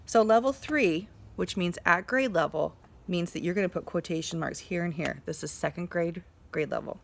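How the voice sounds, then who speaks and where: A mother and teacher giving a slow, encouraging grammar lesson to young children, with fillers as she explains. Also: on the low side, gravelly, a bit bright.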